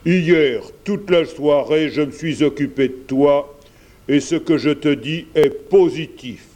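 Kindly gentleman benefactor, mellow tone, unhurried storybook pace from a male reader. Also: a little high. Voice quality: gentle, reassuring. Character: kindly older gentleman painter, warm benefactor.

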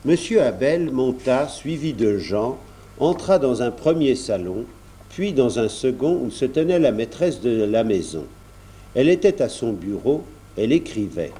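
A man narrating a storybook in a steady, measured way. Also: medium pitch, slight background noise.

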